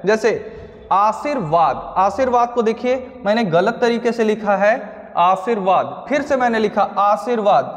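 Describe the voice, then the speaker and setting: A man teaches an exam-prep grammar lesson in a high voice. He explains step by step, speaking to his viewers as friends and working through examples. The room gives his voice a long reverb.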